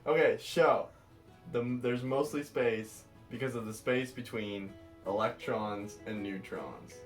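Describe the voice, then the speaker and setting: A man's voice: medium pitch, slow, soft background music. A man co-hosting a casual drawing tutorial, talking in a rambling, playful way and often correcting himself. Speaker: art show co-host.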